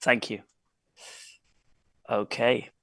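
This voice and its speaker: A man hosting an online quiz wrap-up over a video call, talking in halting bursts with many fillers and restarts. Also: mid-range voice, little pitch movement, creaky, sharp tone, no echo. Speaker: quiz host.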